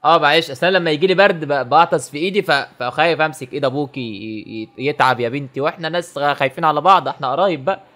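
Rapid-fire Egyptian man riffing jokes. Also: a little high, sharp tone. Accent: Egyptian Arabic. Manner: rapid, teasing, mock-exasperated. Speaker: comedy reaction host. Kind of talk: joking commentary on a sketch.

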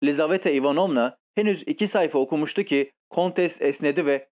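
A man narrating a classic short story as an audiobook in a steady, literary storytelling manner. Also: on the high side, a little fast. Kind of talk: scripted narration.

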